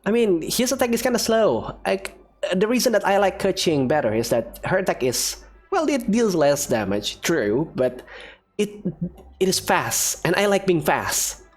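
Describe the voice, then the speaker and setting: With video game music running in the background, a streamer chats casually to viewers, thinking out loud and rambling. The voice sits at medium pitch, very animated, at a normal speed.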